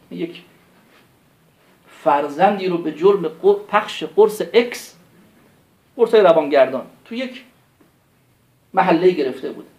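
A man preaching a religious sermon, impassioned, pleading with rhetorical questions and reciting verses in Arabic. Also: high voice. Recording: roomy echo.

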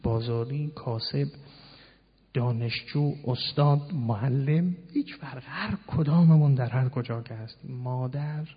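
A man's voice: medium pitch, slightly rough. A man giving a sermon and teaching, explaining words one by one and asking rhetorical questions. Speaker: preacher. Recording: dull lo-fi sound in a long-reverb hall.

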